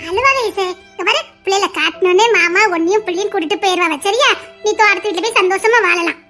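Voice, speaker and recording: A woman acting a caring, playful young sister-in-law in an audio drama, soft, coaxing and affectionate. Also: very high voice, fast talker, soft background music. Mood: soothing.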